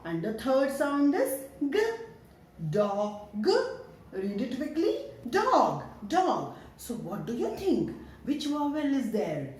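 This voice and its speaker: A woman teaching a phonics lesson to young children, speaking in Indian English with a sing-song, encouraging manner and slowly sounding out each letter. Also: sits high, big pitch swings, mellow. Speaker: kindergarten teacher. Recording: very echoey room with faint background noise.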